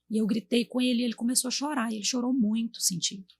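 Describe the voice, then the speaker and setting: Husky-voiced Brazilian woman chatting. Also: a little high, fairly even intonation, brisk. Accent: Brazilian Portuguese. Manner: warm storytelling, acts out quotes to her kids. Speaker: guest. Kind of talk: casual chat.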